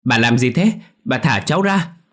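A man's voice: on the low side, brisk, close to an everyday voice. A man voicing a daring, mocking village boy in a spoken ghost story. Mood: defiant. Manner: defiant, mocking. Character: cheeky bold village boy, daring and taunting.

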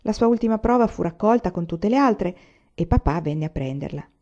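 A woman reading a novel aloud in a steady, even storytelling manner. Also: fairly low pitch, fairly quick, muffled recording. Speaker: audiobook reader.

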